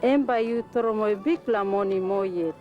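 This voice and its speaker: A woman's voice: mid-range voice, normal speed, dull audio, faint music behind, natural voice. A woman playing an earnest advice-giver, speaking Papua New Guinea pidgin with a Papua New Guinean accent in instructional dialogue. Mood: earnest advising. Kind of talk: acted instructional Tok Pisin dialogue.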